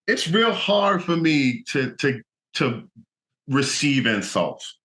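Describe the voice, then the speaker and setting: Bright-voiced man musing with many fillers. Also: mid-range voice, very animated, slow. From New Jersey. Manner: reflective, many "you know" fillers. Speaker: guest, actor and motivational speaker. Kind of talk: casual interview conversation.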